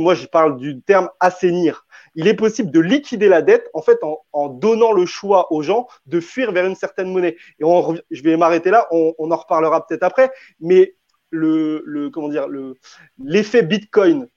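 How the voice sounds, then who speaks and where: A man with a high-sitting, darkish voice argues spontaneously as a debate panelist, sounding hesitant, often restarting and repeating words. The audio is dull, dry and lo-fi.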